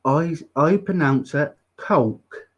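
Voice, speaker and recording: Male interview guest, Norfolk accent with a little West Country, slow halting delivery, dull lo-fi sound. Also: medium pitch, darkish tone. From Norfolk, East Anglia, England. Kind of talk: casual chat.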